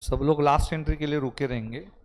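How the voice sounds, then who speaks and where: A man's voice: a little high, steady tone, a little fast, a little mellow. A man teaching an accounting class, quizzing and scolding his students, mixing Hindi with Indian-accented English terms. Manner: scolds and quizzes students, calls them beta. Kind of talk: live class lesson.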